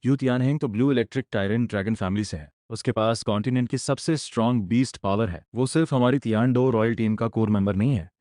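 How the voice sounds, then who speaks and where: A man narrating a comic story recap in a steady, explanatory reading voice. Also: medium pitch, fast, few pauses, no echo, studio quality.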